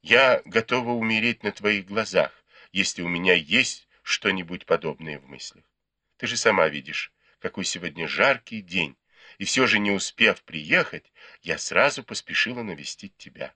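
A man voicing a proud, quick-tongued young noble lady in an audiobook, reproachful and teasing. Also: deep voice, expressive, sharp tone, no room sound, exaggerated voice. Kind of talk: audiobook character reading.

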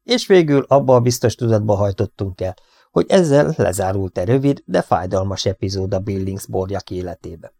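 A man narrating an audiobook in calm, even storytelling. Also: lowish voice, gravelly, dry recording. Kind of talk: scripted narration.

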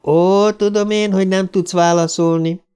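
A man's voice: sits high, fairly even intonation, a little mellow, smooth, voice pushed up, natural voice. A man voicing a gleeful, menacing male clown who taunts and cackles. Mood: taunting glee.

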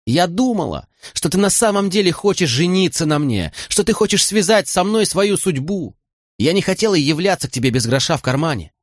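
A man's voice: sits high, big pitch swings, a little fast, no room sound, clean studio sound, voice pushed up. Molly, a man voicing a proud, hurt young woman. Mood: bitter. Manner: raised, heated, reproachful voice.

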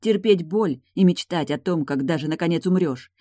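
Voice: medium pitch, normal speed, mellow, no room sound, clean studio sound, pitched above the performer's own voice, close to an everyday voice. A reader voicing a bitter, mocking young woman who was badly injured, sarcastic and cutting in an audiobook dialogue.

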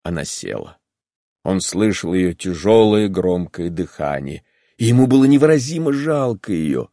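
A man's voice: low-pitched, sing-song, moderate pace, mellow, no echo, clean studio sound. A man narrating a classic novel as an audiobook, reading with feeling.

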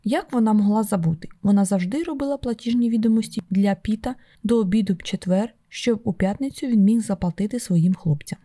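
A woman narrating an audiobook in a steady, measured storytelling voice. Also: mid-range voice, no echo, studio quality. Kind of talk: scripted narration.

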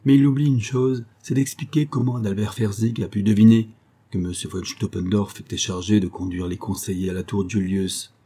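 A man voicing a calm, shrewd senior official who questions gently and probingly. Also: fairly low pitch, moderate pace, slightly rough.

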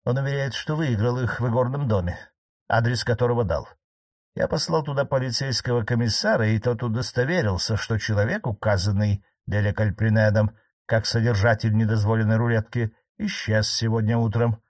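A man's voice: mid-range voice, fairly even intonation, fairly quick, no room sound, natural voice. A man reading an audiobook, voicing an earnest young investigating judge who grows unsettled.

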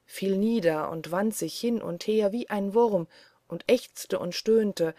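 A woman narrating a fairy tale audiobook in a measured, deliberate way. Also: mid-range voice, dark tone, no echo, clean studio sound. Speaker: audiobook reader. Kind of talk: storybook narration.

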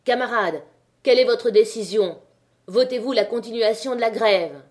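A woman voicing a male miner who leads a strike, addressing a crowd with rousing, forceful speech in an audiobook reading. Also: fairly high pitch, normal speed, natural voice. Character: male miner, strike leader, fiery orator.

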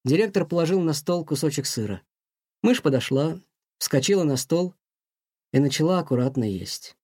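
Narrator: man, calm storybook reading, slightly high, mellow voice. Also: moderate pace, dry recording, studio quality. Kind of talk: scripted narration of a children's tale.

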